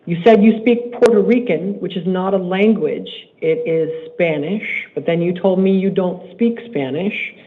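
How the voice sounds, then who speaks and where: A man with a high-pitched voice plays a judge at a court hearing, speaking sternly and in a measured way. He repeats himself when pressing a point, and the audio has the tinny sound of a court livestream.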